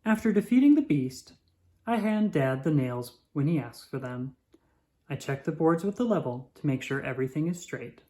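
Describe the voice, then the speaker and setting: Reading a picture book for kids, the narrator uses a mid-range voice and an expressive yet measured manner.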